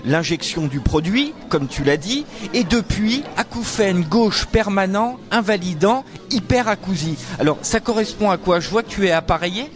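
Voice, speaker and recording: A man's voice: high voice, lively intonation, moderate pace, hardly any pauses, faint music behind. A man working as a radio reporter on location, asking direct, inquisitive questions.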